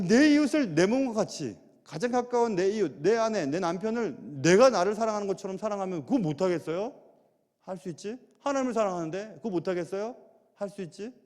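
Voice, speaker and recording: A middle-aged man preaching a sermon as pastor, animated and full of rhetorical questions. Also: sits high. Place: large church sanctuary. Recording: long church hall reverb.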